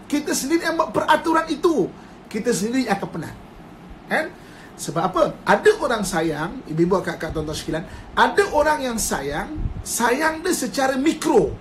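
This man speaks in a very high, fairly bright voice, with a little hiss or hum in the recording. He's an Islamic religious teacher with a Malaysian Malay accent, talking informally on a phone live stream, where he mixes in English words, laughs a lot, and plays the parts of quoted husbands and wives.

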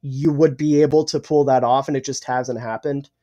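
A young man co-hosting a casual sports podcast, opinionated and swearing freely, a little hoarse and clearing his throat. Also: mid-range voice, fairly even intonation, moderate pace, warm tone, highs cut off. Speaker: podcast co-host.

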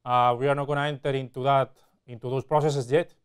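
Male lecturer, 40s, smooth clear voice, mid pitch, halting explanatory delivery for technical teaching. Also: flat delivery. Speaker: university lecturer. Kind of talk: technical lecture at a whiteboard with slides. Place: indoor classroom or studio with whiteboard.

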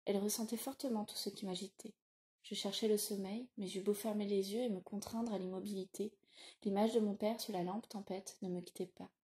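Woman audiobook narrator, measured and reflective, mellow warm timbre. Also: mid-range voice, steady tone, slight background noise.

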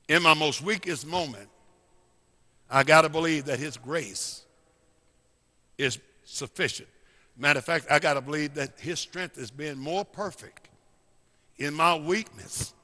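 A male pastor preaching a sermon, swinging between loud and hushed lines and repeating phrases. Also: a little high, big-room sound. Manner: preachy, rising and falling dynamics, repeats phrases. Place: church sanctuary.

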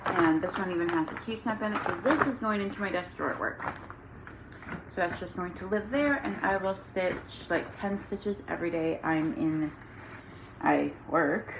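A woman's voice: lowish voice, normal speed, creaky, highs cut off, background noise. A tired, out-of-breath young woman chatting casually to camera about her cross-stitch projects, rambling with many ums. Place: home room with windows open.

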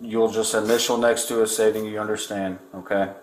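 A man, a police officer speaking calmly and firmly during an arrest. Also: fairly low pitch, fairly quick. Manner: calm, firm and repetitive. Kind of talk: arrest procedure. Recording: echoey room with background noise.

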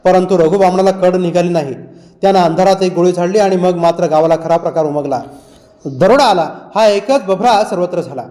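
A man reading a novel aloud as an audiobook narrator, with steady, dramatic storytelling. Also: sits high, a little fast.

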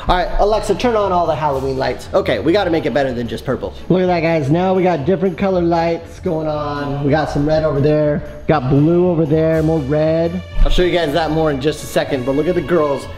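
Brisk and fairly high-pitched with few pauses, a vlogger dad in his thirties from the US shows off the inside of his family house, exclaiming as he goes. He films on a handheld camera, and the poor-quality recording is drowned in loud background music.

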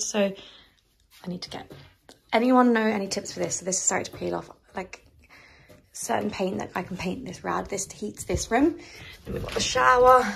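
Chatty young woman, gravelly voice. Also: medium pitch, slight background noise. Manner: chatty, rambling, filler-heavy. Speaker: vlogger. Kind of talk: casual house tour vlog. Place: small house indoors, moving between rooms.

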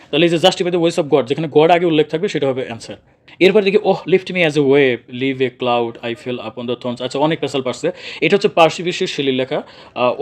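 A man's voice: mid-range voice, darkish tone. A young man teaching an exam-prep lesson. He explains each answer step by step, repeats key words and asks his own questions before answering them.

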